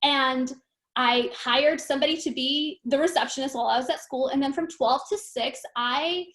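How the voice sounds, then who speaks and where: A woman's voice: high voice, moderate pace, a bit bright. A woman in her thirties, from Romania, guest on a live stream, telling her story in a candid, chatty way with frequent fillers over a video call. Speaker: guest team leader. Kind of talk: casual talk on a live stream.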